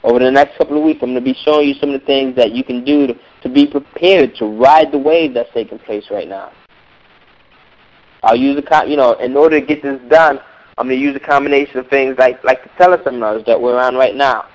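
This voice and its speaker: On a dull, lo-fi teleseminar call, a man hoarse with a cold coaches on the music business, delivering a motivational talk with emphasis and repeated words for stress. He speaks fairly quickly in a mid-range, darkish voice with fairly even intonation.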